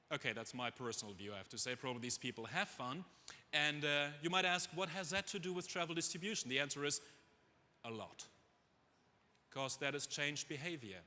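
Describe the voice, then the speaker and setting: This German-accented CEO, middle-aged, born in Germany and raised in Dubai, jokes his way through a casual conference talk, poking fun at himself and tossing asides to the crowd. His voice is fairly high with a sharp edge. He speaks from the stage of a large hall whose echo leaves a long reverb.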